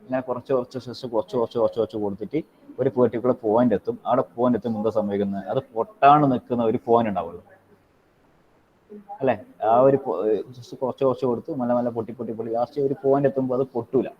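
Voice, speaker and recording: A man teaching an online class, explaining in quick repetitive Malayalam and pausing to dictate notes slowly in English. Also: medium pitch, fairly even intonation. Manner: repetitive, checks in with students often. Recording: dull lo-fi online call audio with faint noise.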